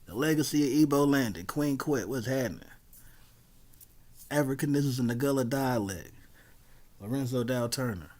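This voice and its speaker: A man's voice: mid-range voice, normal speed, pauses often. A man hosting a livestream in casual, slangy, conversational talk. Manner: conversational, peppered with slang and shout-outs. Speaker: livestream host.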